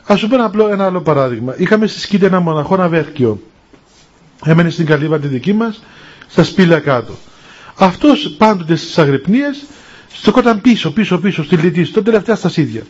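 A man, a monastic elder, giving a spiritual talk and telling stories with acted-out dialogue in an unhurried way. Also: sits high, lively intonation, breathy edge. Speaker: monastic elder answering questions. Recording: dull lo-fi recording.

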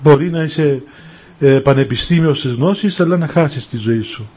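A man, a monastic elder, giving a spiritual talk and telling stories with acted-out dialogue in an unhurried way. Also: fairly high pitch, a little mellow, slightly rough. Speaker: monastic elder answering questions. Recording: dull lo-fi recording.

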